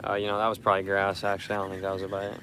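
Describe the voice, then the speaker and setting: A man's voice: sits low, completely flat delivery, rapid-fire, pushed and bright, slight background noise. A young man chatting casually to his live stream viewers while fishing from a boat on a lake, rambling and repeating himself. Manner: rambling, repeats words, talks to chat.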